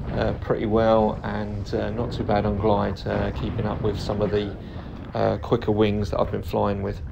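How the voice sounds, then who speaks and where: A man giving a calm, understated and hesitant casual commentary on his own flight video, pausing often. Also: on the low side, dull audio. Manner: calm, understated, hesitant delivery with frequent pauses. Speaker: paraglider pilot narrating own flight video. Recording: clear steady background noise, vehicle-like ambience.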